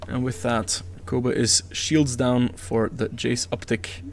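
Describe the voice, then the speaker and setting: A man's voice: mid-range voice, flat delivery, slow, gravelly, slight background noise. A man commentating a live card game match, analytical, chatty and given to jokes. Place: event venue.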